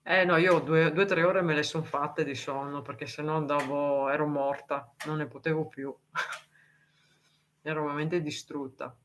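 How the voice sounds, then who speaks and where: A woman's voice: sits low, fairly even intonation, a bit bright, slight background noise. A woman from Italy chatting casually on a live stream, reading viewer comments, answering them and laughing often. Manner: deliberately slow, careful speech for foreign viewers.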